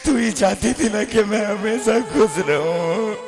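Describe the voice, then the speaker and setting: A man playing a distraught young son on a live stage, his voice high and gravelly as he sobs and pleads in slow, drawn-out wails. Loud music plays under him throughout. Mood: grieving. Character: grief-crazed young son pleading with his dead mother. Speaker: stage actor. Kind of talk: stage melodrama.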